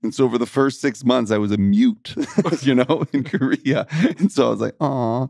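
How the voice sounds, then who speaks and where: A man from Texas with a gravelly, creaky edge to his voice, hosting a faith podcast in a lively, joking way. He laughs often between stories, and the sound is close and dry with no room around it. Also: mid-range voice, normal speed, dry recording. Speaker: podcast co-host. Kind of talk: casual gospel podcast chat.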